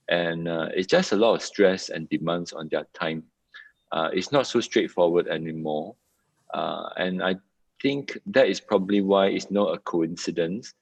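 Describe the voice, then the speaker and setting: A man, a psychiatrist on a webinar panel, explaining in a measured way with occasional fillers. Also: sits low, vocal fry, no room sound. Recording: dull dry video call audio.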